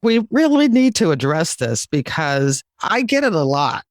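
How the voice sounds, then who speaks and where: A man's voice: on the high side, sing-song, unhurried, no room sound. A man hosting a podcast, reading out listener questions and setting up answers. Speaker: podcast host.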